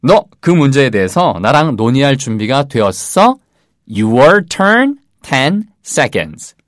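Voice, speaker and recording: A male English teacher with a Korean accent, his voice swinging up and down as he coaches listeners. He repeats short English phrases slowly, with a sing-song rhythm. The close recording is dry, with no room sound. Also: medium pitch, big pitch swings, dry recording. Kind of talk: casual English lesson.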